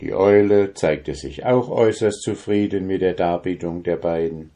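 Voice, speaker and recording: A man narrating a children's fairy tale in a calm, unhurried reading voice. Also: sits low. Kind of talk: storybook reading.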